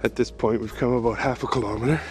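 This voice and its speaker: A man's voice: medium pitch, fast, soft background music. A man narrating his walk through snowy woods, out of breath as he climbs, in an easygoing, observant way. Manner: relaxed, observant, easygoing guide. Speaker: vlogger on a woodland walk. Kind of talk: casual walking narration.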